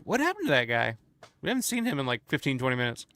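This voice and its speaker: A man's voice: mid-range voice, huge pitch swings, fast, sharp tone. A man co-hosting a watch-along with casual, easygoing, conversational film commentary.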